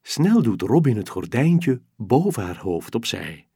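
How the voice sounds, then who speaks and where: A man reads a children's story aloud at an unhurried pace, lingering over each phrase. His voice is a little husky and moves through a lively range of pitch. The sound is close and dry, with no room around it. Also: no echo. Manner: slow, expressive, gentle storytelling.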